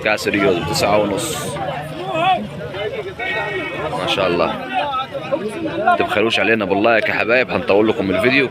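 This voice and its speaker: A man with an Upper Egyptian accent hosting at an outdoor livestock market, haggling with short repeated questions and echoing the prices. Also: fairly low pitch. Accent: Upper Egyptian Arabic. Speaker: market video host asking prices. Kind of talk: casual street interview with price haggling. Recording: very loud crowd and street noise.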